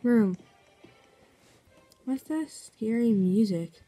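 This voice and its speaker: A woman's voice: a little high, lively intonation, very slow, dark tone, soft background music. A woman casually commenting while she plays a game, reading in-game notes aloud and reacting as she goes. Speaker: game video maker.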